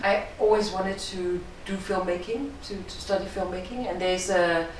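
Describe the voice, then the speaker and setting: A woman's voice: fairly low pitch, steady tone, a little hiss or hum. Danish-accented woman in an echoey room. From Denmark. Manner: measured, explanatory, thoughtful. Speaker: film director. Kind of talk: interview answers. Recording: echoey room, distant mic.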